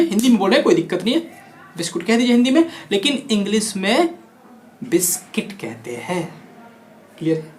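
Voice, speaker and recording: Male teacher from India, lively question-and-answer delivery, roomy echo. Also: high-pitched. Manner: lively, asks and answers his own questions. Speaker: English teacher. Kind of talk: spoken-English lesson in Hindi. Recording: echoey room.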